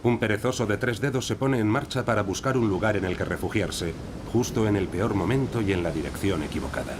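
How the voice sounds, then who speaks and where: A man's voice: on the low side, fairly quick. A man reading scripted narration as the narrator of a nature documentary. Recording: insect and wildlife noise behind voice. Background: rainforest ambience with crickets and insects.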